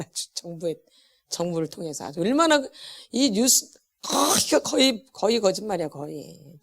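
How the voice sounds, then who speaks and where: This church lecture comes from a middle-aged woman with a mid-range voice teaching about healing. She speaks with animated emphasis, doubling up words to stress them and laughing in between.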